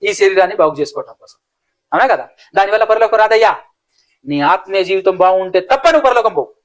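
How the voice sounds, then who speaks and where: A man preaches in a high, rushing voice. He scolds and fires one rhetorical question after another. The words tumble out at a fast clip. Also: lively intonation. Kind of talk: sermon.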